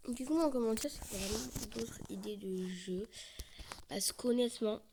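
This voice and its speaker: A woman's voice: a little high, moderate pace, noisy background. A young woman giving casual let's-play commentary, chatty and playful, often dropping to a whisper. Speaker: gaming video creator.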